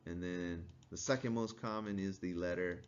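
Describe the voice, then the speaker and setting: A man gives a casual classroom lecture in a fairly low voice, stopping to quiz his students and chuckling along the way. The recording is dull and lo-fi, with a faint hiss underneath. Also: steady tone, normal speed. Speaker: instructor.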